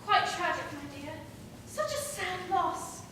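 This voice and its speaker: A woman playing a chatty, gentle elderly lady sleuth in an amateur stage play, heard from far off in an echoey hall. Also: very high voice, sing-song, slow, a little hiss or hum, heavily acted. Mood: sweetly genteel. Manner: polite, fluttery old-lady speech. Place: theatre stage.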